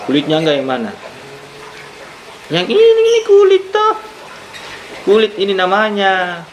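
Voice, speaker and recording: Patient, lively male teacher coaxing a child. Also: a little high, slight background noise, poor audio. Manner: patient, coaxing, asks many questions. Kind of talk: one-on-one lesson with a young child.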